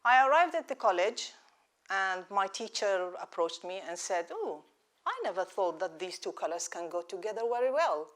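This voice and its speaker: A woman in her sixties from Iraq, raised in Israel, telling her life story in a measured, reflective talk with rhetorical questions. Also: medium pitch, sing-song, fairly bright tone. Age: 60s. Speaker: speaker at a live lecture event.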